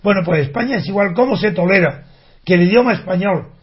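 Older man, high-pitched, holding forth indignantly in a monologue, lots of rhetorical questions and restarts, dull lo-fi sound. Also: animated, fast talker. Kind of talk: opinionated spoken monologue. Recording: dull lo-fi recording.

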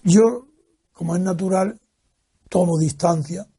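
A man's voice: high voice, slow pace, slightly rough. An older man being interviewed, telling a long personal anecdote and acting out the voices of the people in it. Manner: animated, acts out quoted voices. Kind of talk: storytelling recollection.

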